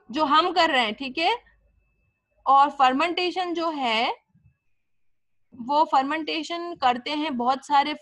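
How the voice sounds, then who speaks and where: A woman's voice: sits high, a bit bright, no room sound. A young woman teaching a biology class, explaining step by step and answering her own questions. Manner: mixes English terms into Hindi. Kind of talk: classroom lecture.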